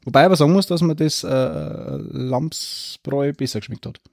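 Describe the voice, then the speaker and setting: A man co-hosting a casual podcast, teasing his partner with quick quips. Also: on the high side, gravelly, a little mellow, no room sound, studio quality. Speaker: podcast co-host. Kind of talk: casual banter.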